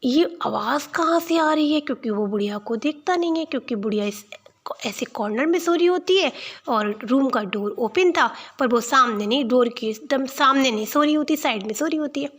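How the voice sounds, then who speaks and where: A woman's voice: high-pitched, expressive, fairly quick, a bit bright. A woman telling a comic folk story in a chatty, casual way, speaking straight to her listeners. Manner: chatty, addresses listeners directly.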